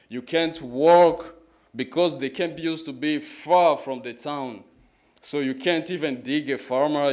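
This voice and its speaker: This is a Congolese-accented man in his 20s giving his testimony as a church guest speaker. His mid-range delivery is halting and plainly worded, and he often repeats phrases.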